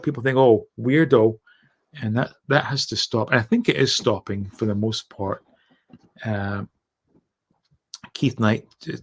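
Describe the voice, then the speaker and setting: A Scottish man in middle age with a medium-pitched voice hosts a relaxed livestream. He talks candidly and informally, putting himself down and swearing freely as he chats with viewers. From Scotland. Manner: candid, self-deprecating, sweary. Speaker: livestream host. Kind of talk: casual livestream chat, reading out and answering comments.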